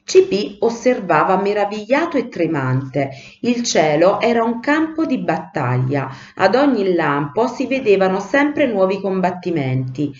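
A woman teacher reading a children's storybook aloud in an animated way, in a roomy, lo-fi recording. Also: mid-range voice, unhurried, few pauses. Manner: animated, acts out the voices. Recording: roomy, dull lo-fi sound.

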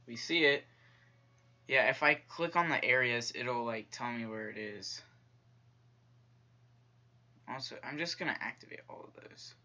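Young male let's-play host, gravelly bright voice, slow and jumpy, dull lo-fi mic. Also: medium pitch. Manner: jumpy, talks to the game's characters, whispers when tense. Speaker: gaming YouTuber.

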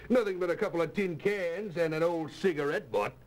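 An actor playing a brusque, dismissive police inspector. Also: male voice, on the high side, fairly quick, lightly acted. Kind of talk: video game voice acting.

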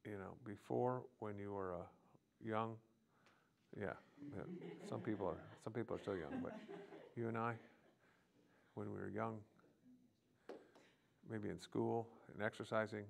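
A man preaching a sermon in short, halting phrases with frequent restarts. He often breaks into earnest prayers spoken aloud to God. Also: fairly low pitch, steady tone, gravelly, crowd noise.

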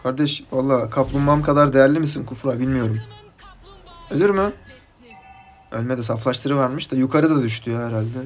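A man's voice: mid-range voice, fairly quick, long pauses, soft background music. Chatty Turkish man narrating a game. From Turkey. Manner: chatty, jumps from topic to topic, bursts of excited shouting at teammates. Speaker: gaming YouTuber. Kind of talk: casual gameplay commentary.

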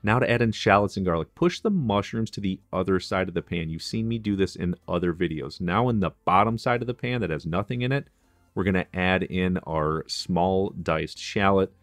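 In this cooking tutorial, a man with a low voice explains a recipe one step at a time at normal speed, offering friendly, practical advice for the kitchen. The recording is dry, with music playing faintly behind him.

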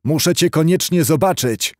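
Audiobook: resolute middle-aged lawyer, forceful and grave, read by the male narrator. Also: mid-range voice, lively intonation, unhurried, dry recording, studio quality, natural voice. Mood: commanding. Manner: forceful, commanding.

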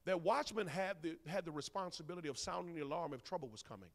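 A minister in his forties preaches a sermon from the pulpit of a large church sanctuary on a handheld mic, his fairly high, gravelly voice booming and then dropping to a hush. He's fast and animated, teasing the congregation in the pews, while the hall adds a long echo.

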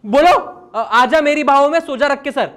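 A man's voice: extremely high pitch, moderate pace, fairly bright tone. A man playing a bossy rehab centre staffer. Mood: scolding. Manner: stern, mocking, commanding. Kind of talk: comic sketch acting.

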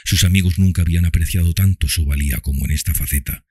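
A man narrating an audiobook in a measured, deliberate reading. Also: sits low, darkish tone, breathy edge, no room sound, studio quality.

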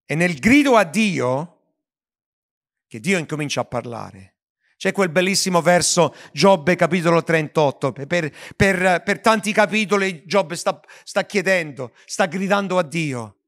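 High-voiced man preaching a sermon. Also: animated, a little slow, a bit bright. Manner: earnest preaching with frequent restarts and stumbles. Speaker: pastor.

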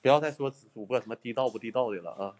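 His mid-range, slightly mellow voice comes out rapid-fire as he streams from an abandoned building on a ghost hunt. The host chats with his audience without any filter, swears, and expresses thanks for gifts.

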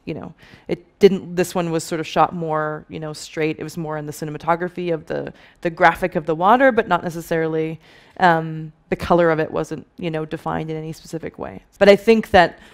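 Lowish-voiced woman presenting on stage. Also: clean tone. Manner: thoughtful, many fillers and restarts, talks with her hands. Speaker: film colourist. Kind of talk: conference presentation. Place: dim stage with dark backdrop.

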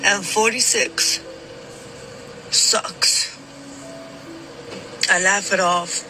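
Weary woman in her forties, slow. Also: medium pitch, fairly even intonation, rough recording. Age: 40s. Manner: weary, venting. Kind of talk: personal vlog confession. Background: music.

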